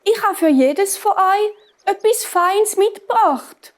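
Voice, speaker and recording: A woman's voice: very high-pitched, expressive, slow pace, voice pushed up, heavily acted. A woman with a Swiss German accent voicing a sly wolf in a storybook tale who fakes a mother's sweet voice. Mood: wheedling. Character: sly big bad wolf faking a mother's voice.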